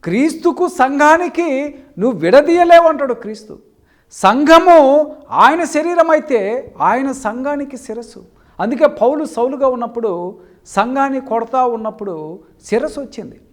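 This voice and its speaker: A man's voice: extremely high pitch, animated, moderate pace, pauses often. A man preaching a sermon, firing rhetorical questions and scolding his opponents in a heated manner. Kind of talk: Telugu sermon.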